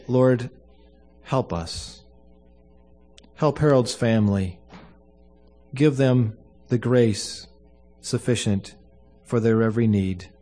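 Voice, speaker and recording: A man speaking as a pastor at a funeral service, giving a solemn, earnest prayer in measured short phrases. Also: medium pitch, warm tone.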